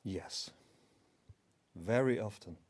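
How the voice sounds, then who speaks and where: A man voices a cosmic guardian spirit in a low, unhurried voice. He speaks formally and very deliberately, solemn and calm, like a teacher instructing on spiritual matters.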